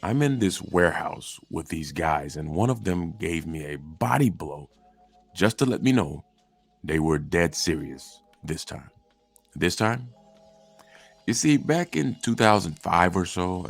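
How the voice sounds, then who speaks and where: A man telling a first-person story dramatically, dropping to quiet asides and rising sharply for quoted lines. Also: extremely low pitch, vocal fry.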